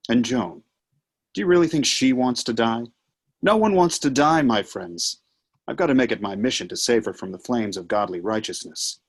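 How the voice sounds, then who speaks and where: A man playing a mocking, theatrical Satan in a play table read, speaking to the audience in showy asides with a husky voice. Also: mid-range voice, expressive, normal speed. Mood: goading. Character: Satan, sardonic, theatrical tempter addressing the audience.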